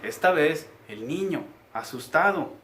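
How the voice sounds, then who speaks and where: Man, teacher reading to young kids, slightly high voice, echoey room. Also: animated, a bit bright, a little hiss or hum. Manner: patient, slow, guiding. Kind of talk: reading aloud for young pupils.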